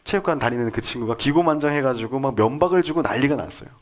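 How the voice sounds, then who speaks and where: A man in his thirties preaching a sermon, telling a story in a relaxed, joking way and asking the congregation questions. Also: medium pitch, fast talker. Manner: conversational, jokey, asks the congregation questions.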